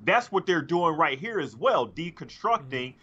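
A middle-aged co-host chats on a podcast from indoors at home, his studio mic carried over a video call with dull lo-fi quality. He's very animated at normal speed, his voice on the high side, fairly bright and breathy, yet hesitant, full of restarts and fillers.

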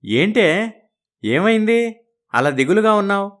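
A woman's voice: medium pitch, big pitch swings, a little slow. A woman voicing an easygoing middle-aged husband in a storybook, teasing and reassuring his wife. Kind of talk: storybook narration.

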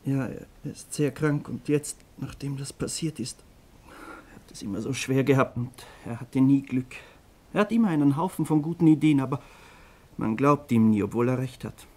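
An actor plays a troubled, ashamed teenage son in a German radio crime drama, speaking earnestly and hesitantly, as though confessing, with a defensive edge. The male voice is medium-pitched and dark in tone, at normal speed, and lightly acted.

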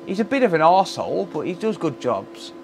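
A British repairer hosts a live stream from an indoor electronics repair workbench, chatting casually as he works with blunt, sweary, jokey banter. His slightly high voice is very animated and fairly quick, and the recording is clearly noisy.

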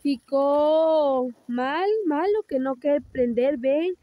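A woman's voice: sits high, dull audio. A young woman vlogging from her rural mountain home, chatting directly to viewers as she shows things around her on a phone camera. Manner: chatty, slow and explanatory, addresses viewers directly. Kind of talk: casual show-and-tell narration. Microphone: phone camera held by speaker.

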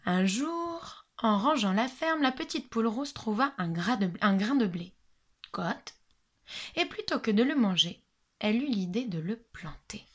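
A woman, a teacher, reading a picture book aloud to young children with lively storytelling, dropping at times to a whisper and explaining words. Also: a little high, moderate pace.

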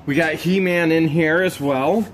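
An American man vlogs about reselling storage unit contents, narrating an unboxing in an unhurried, casual way. He gets excitable and breaks into high-pitched exclamations over his finds, with a faint hiss in the background.

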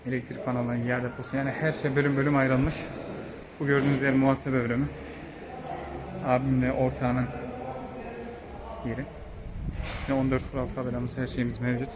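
A man hosts a casual vlog tour through a car repair workshop, his delivery fairly level and even. He speaks chattily, pausing on frequent hesitation fillers as he goes, with a faint noise under his voice. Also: mid-range voice. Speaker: host touring a car repair shop.

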